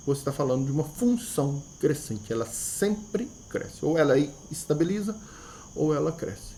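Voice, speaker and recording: Here a man with a slightly high, mellow voice and a Brazilian Portuguese accent gives an explanatory math video lesson. He thinks out loud, repeats key words, and questions himself rhetorically, with a little hiss or hum audible.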